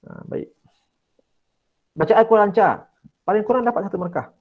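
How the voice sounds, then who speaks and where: A man's voice: high voice, moderate pace, narrow, tinny audio. A Malaysian male religious studies teacher giving an online exam-prep lesson, coaxing students and repeating key words. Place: indoors, online class.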